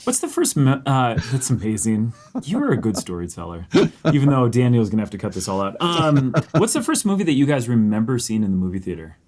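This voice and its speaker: A man's voice: mid-range voice, very animated, fairly quick, a little mellow. A middle-aged man co-hosting a podcast, chatting casually and steering the talk with questions. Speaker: podcast co-host. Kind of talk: casual chat.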